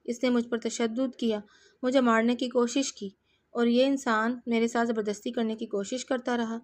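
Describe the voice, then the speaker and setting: A woman reading an audio novel and voicing a hurt young woman who speaks softly through tears. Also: fairly high pitch, little pitch movement, lightly acted. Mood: firm. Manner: sobbing, soft-spoken. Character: wounded young woman, tearful and quiet.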